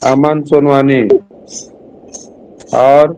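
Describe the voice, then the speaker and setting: A man's voice: medium pitch, little pitch movement, very slow, darkish tone, a little hiss or hum, low-quality recording. A middle-aged man teaching a Hindi class, patiently walking his students through answer options one by one. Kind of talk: classroom lesson over a call.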